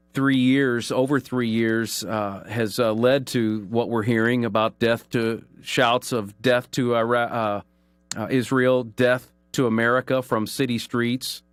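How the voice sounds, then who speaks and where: A man hosting a call-in radio show, giving commentary and reading news headlines aloud in an earnest, emphatic way, slowing down to stress key phrases. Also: medium pitch, clear, resonant tone, no echo.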